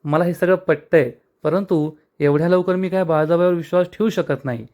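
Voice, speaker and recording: A man's voice: on the high side, fairly quick, a little mellow, natural voice. A man voicing a wary, stubborn young husband from a TV serial, dry and doubtful.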